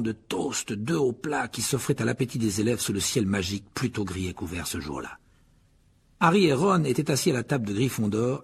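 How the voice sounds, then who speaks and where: Gravelly, husky male audiobook narrator. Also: mid-range voice. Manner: expressive storytelling reading. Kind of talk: scripted narration.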